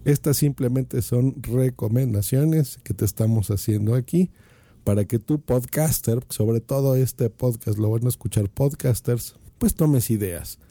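A man's voice: mid-range voice, measured pace, mellow, dry recording. A Mexican man giving casual podcasting advice, talking into his phone and asking the listener rhetorical questions. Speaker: podcast host.

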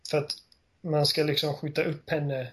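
A man with a slightly high, husky voice talks through a favorite game. He retells scenes eagerly and fills his sentences with hesitations. The tone is loose and conversational. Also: level tone, a bit bright. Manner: enthusiastic, retells scenes with many fillers. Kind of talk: casual game discussion.

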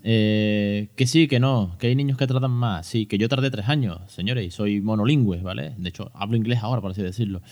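A man's voice: lowish voice, brisk, few pauses, a little mellow. Chatty joking man with Spain accent. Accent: Spain Spanish. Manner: chatty and joking, with many fillers and restarts. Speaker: podcast host. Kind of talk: casual educational podcast talk.

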